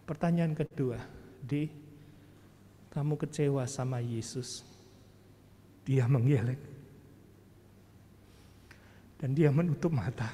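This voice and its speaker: A man preaching a sermon, telling a story with imitated sounds and swinging between loud and hushed passages. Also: medium pitch, slow, pauses often. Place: church hall. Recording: long hall reverb.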